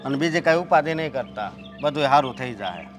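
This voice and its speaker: Young actor as steady, reassuring son; calm reasoning, mid pitch, film drama. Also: male voice, quick pace, music in the background, close to an everyday voice. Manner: soothing, reasoning.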